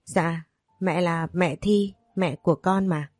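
A woman reading the part of a sweet little boy, speaking softly and tenderly. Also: fairly low pitch, fairly even intonation, slow, no room sound. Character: sweet gentle little boy, a ghostly son.

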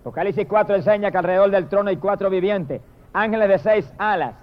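A fast-talking man with a high voice preaches a fervent, impassioned sermon, repeatedly exclaiming praise to God between long, insistent appeals. The recording is dull and lo-fi, its top end muffled.

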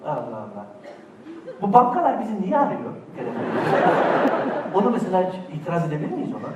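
A man from Turkey performing live stand-up comedy, telling stories and acting out quick characters with shouted bits. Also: high voice, wildly swooping pitch. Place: large live venue before an audience. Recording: echoey live hall from a distance, crowd laughter and noise.

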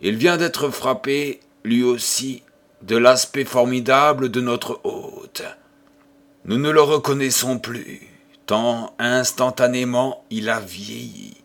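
Slow, measured male audiobook narrator. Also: mid-range voice, a bit bright. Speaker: audiobook reader. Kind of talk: scripted narration.

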